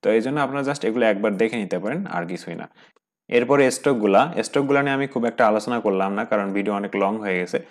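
Young male tutor from Bangladesh, lowish pitch, brisk step-by-step delivery. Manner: plain step-by-step explaining, often asks then answers. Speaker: Chinese language teacher. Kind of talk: explaining a textbook lesson.

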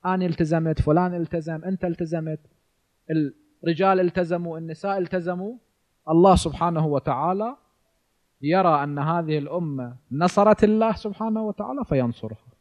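An Iraqi cleric in his forties, speaking with an Iraqi Arabic accent, delivers a religious lecture, posing rhetorical questions and answering them himself. His voice is fairly high and a little mellow, at a quick pace, with the highs cut off.

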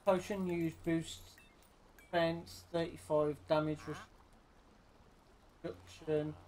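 A woman's voice: low-pitched, level tone, takes it slowly, dark tone. A woman hosting a casual gaming video, chatting and trading jokey, teasing banter with her co-player. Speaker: gaming channel host. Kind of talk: casual gameplay commentary.

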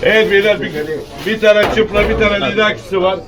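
Male fish auctioneer, high voice, repetitive price calling, recorded at a distance. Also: little pitch movement, brisk. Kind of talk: auctioneer calling lots and bids. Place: busy fish auction hall. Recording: distant mic amid crowd chatter. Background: crowd of buyers.

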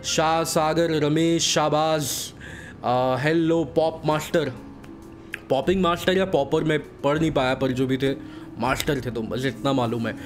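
Hoarse young-sounding streamer guy. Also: fairly high pitch, fairly even intonation, a little slow, soft background music. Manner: greets viewers by name in a breezy, joking way. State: hoarse from a sore throat. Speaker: game streamer. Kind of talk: casual live-stream chat with viewers.

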